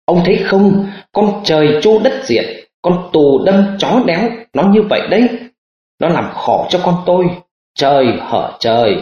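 A man's voice: on the high side, very animated, normal speed, a little mellow, echoey room, muffled recording. A man voicing a cruel, cursing middle-aged stepmother in an audiobook, scolding and hissing. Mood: ranting.

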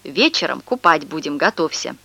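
A woman's voice: low voice, very animated, normal speed, gravelly, bright, forceful tone, breathy edge, no echo, exaggerated voice. A woman voicing a jolly, joking father in a storybook, at times in a mock announcer tone. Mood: jovial. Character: jolly playful father, announcer-style jokes.

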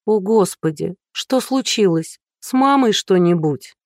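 A woman's voice: medium pitch, expressive, unhurried, no echo, clean studio sound, voice pushed up. A reader voicing a flustered, anxious blonde woman in her thirties, firing off nervous questions. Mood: alarmed.

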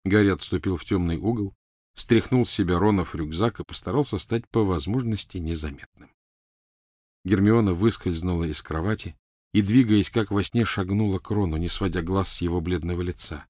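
A man narrating a storybook in an expressive reading. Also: deep voice, normal speed, no echo, clean studio sound. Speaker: reader. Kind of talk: audiobook narration.

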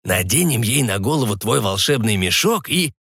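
A man whispering as a raspy pirate ghost. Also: medium pitch, sing-song, moderate pace, fairly bright tone, dry recording, clean studio sound, full character voice. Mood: scheming. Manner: hoarse whispering into the ear, scheming. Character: lecherous ghost of a male pirate.

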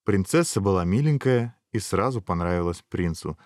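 A man reading a fairy tale aloud as storyteller, gentle and even. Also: low voice, moderate pace, no echo, clean studio sound.

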